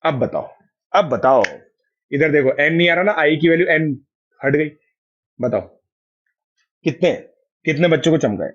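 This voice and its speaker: A man's voice: a little high, animated, unhurried, long pauses, highs cut off. A man with an Indian accent teaching a math class online. He keeps coaxing his students to answer and confirm each step.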